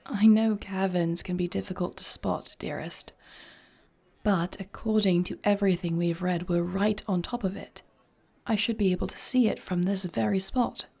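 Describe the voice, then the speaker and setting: With no room sound behind her, a woman speaks at medium pitch in a steady, warm tone, sounding thoughtful and concerned. Her role is a noble and devoted warrior queen in an intimate fantasy audio roleplay, delivered in a husky, breathy voice through earnest, measured, formal phrases.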